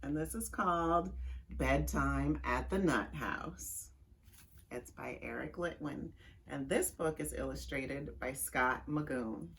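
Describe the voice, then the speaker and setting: A woman librarian with a deep, gravelly voice leads a children's story time at a slow pace, cheerfully reading aloud and guiding movement games. She sounds animated and sing-song with the kids.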